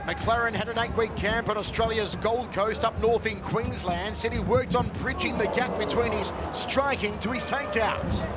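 High-pitched theatrical male fight commentator. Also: moderate pace, hardly any pauses, heavy background noise. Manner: theatrical, punchy phrasing. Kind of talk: play-by-play MMA commentary. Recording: loud crowd and music behind. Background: arena crowd and music.

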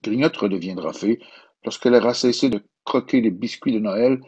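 Man doing a jolly old bearded shopkeeper, hearty and teasing, quebec french accent, bit husky. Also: lowish voice, normal speed, darkish tone, muffled recording.

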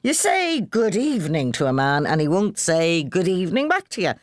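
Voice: mid-range voice, very animated, moderate pace, no echo, clean studio sound, voice pushed up, natural voice. A reader voicing a cheerful, drunk young Irishman who talks in a loose, rambling way. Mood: drunk jovial.

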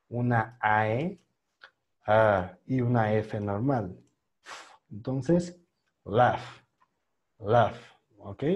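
A man teaching an online pronunciation class over a video call mic, patiently repeating words slowly for students to copy. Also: mid-range voice, mellow. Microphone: computer microphone on a video call.

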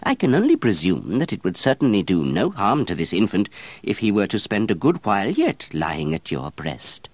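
A man's voice: lowish voice, wildly swooping pitch, moderate pace, no echo. A man voicing an easygoing, fussy middle-aged monk who complains in a peevish, rising voice. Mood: fretful. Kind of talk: audiobook character voice.

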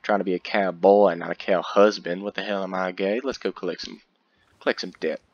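Gravelly man in a cowboy drawl. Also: low-pitched, steady tone, brisk, lo-fi sound. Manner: folksy mock-cowboy drawl, profane and rambling. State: thirsty and tired late at night. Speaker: gamer playing a western game. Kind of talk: late-night let's-play commentary. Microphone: headset microphone.

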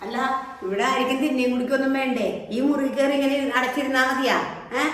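A woman's voice: sits high, steady tone, fairly quick, fairly bright tone, a little hiss or hum. A woman playing a domineering mother-in-law who nags and scolds in an amateur short film. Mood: scolding. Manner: nagging, scolding with repeated challenges.

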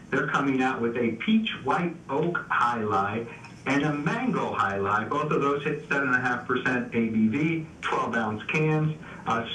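This beer news contributor has a mid-range, slightly bright male voice and phones in remotely for a casual chat on a radio show. His relaxed explanations are full of "uh"s and false starts. The audio is distant and echoey, with a little noise in the background.

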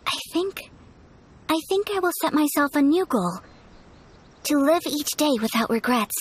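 Voicing a video game noblewoman, a young woman speaks in a high, animated register. The character comes across as gentle, earnest and composed, polite and measured in a soft way.

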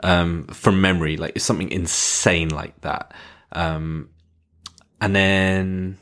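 A man co-hosting a music podcast in relaxed, conversational chat with some fillers. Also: low voice, slow pace. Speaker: podcast co-host. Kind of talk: casual chat.

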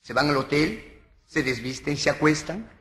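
A man's voice: expressive, normal speed, a bit bright, reverberant. A man, telling bawdy jokes in a live comedy set and putting on voices for the characters. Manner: bawdy storyteller who puts on high voices for characters. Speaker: stand-up comedian.

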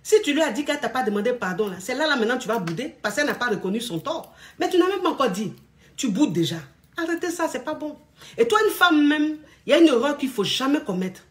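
A woman relationship coach giving blunt, scolding advice to couples in a casual, lively monologue. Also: sits high, fast.

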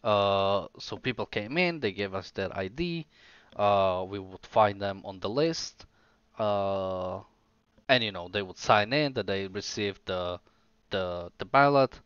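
A young man with a lowish, smooth voice chats on a live stream, rambling along with lots of "uh"s and restarts. He sounds sleepy and a little worn, as if his voice is fading. The sound is dry and slightly dull, close to a desk mic. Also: slow pace, fairly bright tone, no echo. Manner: rambling, hesitant, many fillers and restarts. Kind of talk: casual live-stream chat.

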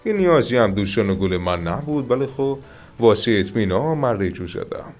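An Iranian man talks viewers through a mobile strategy game in a chatty, excited way. His voice sits low in pitch. Faint game music plays under his commentary. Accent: Iranian Persian. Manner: excited, chatty, often addresses viewers as dear friends. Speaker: gaming YouTuber. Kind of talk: casual gameplay commentary.

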